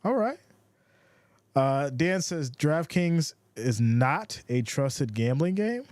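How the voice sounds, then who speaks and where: A man's voice: a little high, big pitch swings, slow, a little mellow, no room sound. A man doing casual play-by-play for a football livestream, reading viewer comments between plays in a laid-back way. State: has the hiccups.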